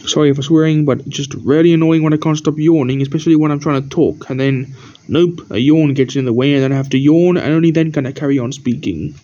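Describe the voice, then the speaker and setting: A tired man who keeps yawning gives a rambling, halting show-and-tell of his toy collection as the channel host, pointing out details one by one. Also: a little high, fairly even intonation, dark tone. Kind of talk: casual show-and-tell narration. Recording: dull lo-fi recording.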